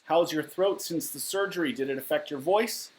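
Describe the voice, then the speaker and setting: A man's voice: fairly high pitch, normal speed, poor audio. A man in his thirties, originally from Southern California, chats casually on a home livestream. He reads viewer questions aloud and answers them in a candid, matter-of-fact way, with plenty of fillers and restarts. He is picked up by a laptop mic in his living room. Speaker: musician livestreaming Q&A. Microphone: webcam or laptop mic at desk.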